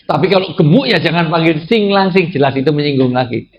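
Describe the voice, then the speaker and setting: Joking Indonesian preacher, big pitch swings. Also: male voice, lively intonation, fast. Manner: joking, swings to high exclamations. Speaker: Islamic preacher. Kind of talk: humorous sermon to a live audience. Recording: slightly dull lo-fi sound with faint ambience.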